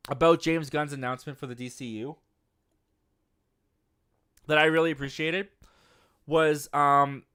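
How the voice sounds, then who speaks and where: A young man in his twenties runs a casual live movie stream and chats his way through viewer comments. His slightly raised voice sounds smooth and clear. He speaks close to the mic in a dry room, and his self-deprecating asides end in little laughs. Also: a little high, a bit bright, no room sound. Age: 20s. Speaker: host of a live movie show.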